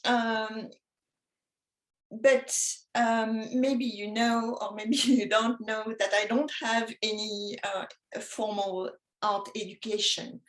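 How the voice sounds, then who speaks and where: A woman from France with a French accent, speaking English as a guest in a casual interview, talking slowly with many pauses and soft laughs. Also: a little high, flat delivery. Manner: slow, halting, many ums, soft laughs. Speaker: guest artist. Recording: echoey room.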